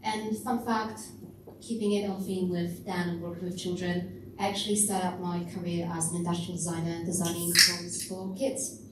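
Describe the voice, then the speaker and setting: A woman from Poland introducing herself at a conference talk in a brisk, friendly way. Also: fairly low pitch, level tone. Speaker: conference speaker. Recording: echoey hall, distant mic, noisy.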